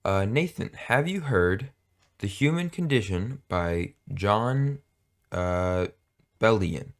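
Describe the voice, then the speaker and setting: A man's voice: lowish voice, expressive, slow. A man co-hosting a casual music podcast, talking in a rambling, hesitant, jokey way with many fillers. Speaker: podcast co-host. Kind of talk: casual chat.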